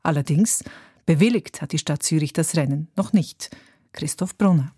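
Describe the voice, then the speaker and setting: A woman news presenter introducing items in a steady, scripted way. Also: sits low, moderate pace, husky, no echo, clean studio sound.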